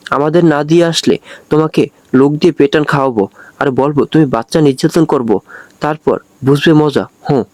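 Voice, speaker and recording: Man reading as a cheeky little girl, bossy, fearless, scolding, fairly high voice, dry sound. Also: fairly quick, a little mellow, dry recording, natural voice.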